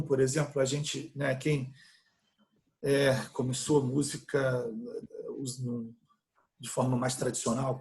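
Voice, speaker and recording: A man's voice: a little high, a little mellow. Brazilian man teaching a music lesson. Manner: explanatory, many fillers like "né?", restarts. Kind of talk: online mini-course lecture.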